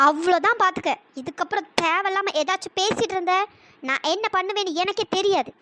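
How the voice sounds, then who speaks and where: A woman's voice: a little fast, background noise. [name], a woman voicing a scheming, taunting young woman. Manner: taunting, bullying. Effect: pitch-raised voice. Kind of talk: cartoon story voice acting.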